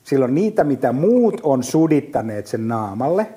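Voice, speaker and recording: Animated man telling business stories. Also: mid-range voice, husky. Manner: lively storyteller with many fillers and restarts. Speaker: business guest. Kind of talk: casual podcast chat.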